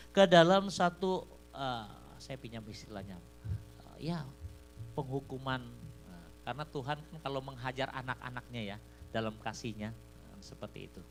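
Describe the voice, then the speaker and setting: A man preaching a sermon, swinging from loud, fervent passages to soft storytelling and repeating a fond address to his listeners. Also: medium pitch, lively intonation, moderate pace, soft background music. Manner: repeats "beloved in the Lord" as a refrain. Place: church service. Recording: live stream with faint hum.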